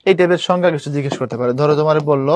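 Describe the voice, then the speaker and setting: A man's voice: on the high side, rapid-fire, a little mellow, no echo. A young man teaching an online admission class, talking casually and asking students questions. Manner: casual, chatty, addresses students directly, asks them questions. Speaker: university admission tutor.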